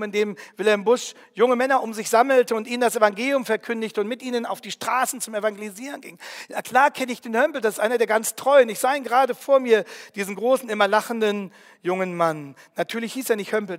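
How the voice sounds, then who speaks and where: High-voiced male storyteller with a long echo. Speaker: narrator. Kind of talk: first-person storytelling narration.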